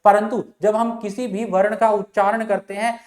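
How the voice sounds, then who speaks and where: A man's voice: high voice, level tone, moderate pace, darkish tone, echoey room. A man teaching a class, who asks and answers his own questions, repeats each point, and draws out vowel sounds to show them. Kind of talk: classroom lecture.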